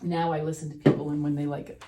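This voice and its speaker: A woman's voice: deep voice, flat delivery, very fast, background noise. A woman teaching a watercolor class, talking through each step as she paints. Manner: chatty, explains steps while painting. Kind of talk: live class demonstration.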